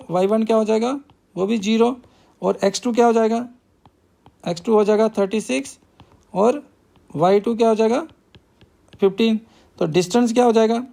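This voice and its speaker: A man's voice: high-pitched, normal speed, vocal fry, long pauses, mellow. A male math teacher, working through a problem step by step and asking himself questions before he answers them.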